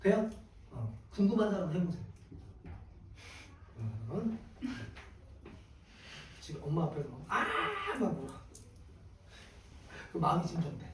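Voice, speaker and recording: A male teacher giving a classroom lecture. He asks questions and answers them himself in a lively way. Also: fairly high pitch, measured pace, pauses often, a little hiss or hum. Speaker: Korean exam prep teacher. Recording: echoey room from a distant mic.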